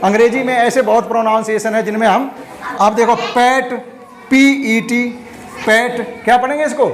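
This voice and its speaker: A man's voice: very high-pitched, fairly even intonation, normal speed, crowd noise. A male primary school teacher giving a classroom lesson, spelling words out letter by letter and repeating them patiently. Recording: noisy classroom with chattering kids. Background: children in the class.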